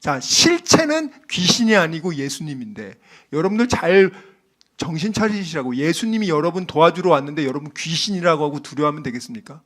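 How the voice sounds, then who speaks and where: A middle-aged pastor delivers an early-morning sermon in a high-pitched voice. He swings up and down in pitch as he fires rhetorical questions at his congregation. He acts out the scenes he describes with sound words. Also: very animated, fairly quick, a bit bright.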